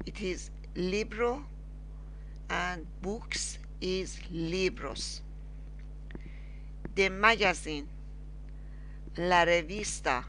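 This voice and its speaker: A woman with as her teaching a beginners' lesson, halting and repeating words slowly. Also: lowish voice, fairly bright tone, slight background noise. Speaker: language teacher. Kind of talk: slow screen-recorded lesson.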